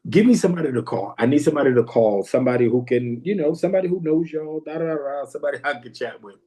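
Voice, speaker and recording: A man voicing an excited female radio host who briskly asks for someone to call. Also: fairly high pitch, natural voice. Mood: eager. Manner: brisk, asking for a number to call.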